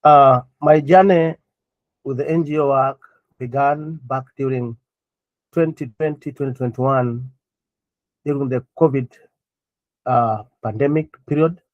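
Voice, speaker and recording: A middle-aged man from Kenya speaks over a video call, earnest and measured, pausing often to gather his words. The audio is slightly muffled and dull. The sound is dry, with no room echo. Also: mid-range voice, steady tone. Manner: earnest, measured, with frequent "uh" pauses. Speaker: guest, NGO founder. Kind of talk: remote interview.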